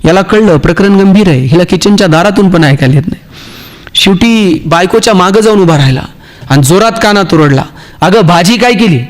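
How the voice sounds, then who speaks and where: High-voiced Marathi man giving a motivational talk. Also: expressive, fairly quick. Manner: storytelling, acts out dialogue, jokes with the audience. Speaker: motivational speaker. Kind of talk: motivational speech with humorous stories.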